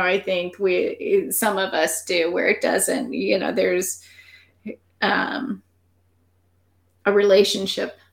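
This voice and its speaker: A woman co-hosting a podcast, speaking earnestly and haltingly as she searches for her words. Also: medium pitch, creaky, fairly bright tone, reverberant. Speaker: podcast co-host. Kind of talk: casual podcast conversation.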